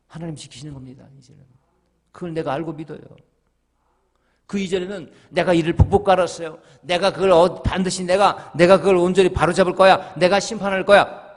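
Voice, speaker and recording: A middle-aged man, a senior pastor, preaching an early-morning devotional sermon, asking rhetorical questions and answering them himself, his voice swinging between loud and hushed. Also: on the high side. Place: church sanctuary. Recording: long church reverb.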